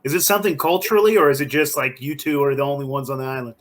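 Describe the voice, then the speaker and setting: A man's voice: medium pitch, steady tone, very fast. A man hosting a casual podcast interview, laid-back and friendly, calling his guest man and dude. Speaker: podcast host.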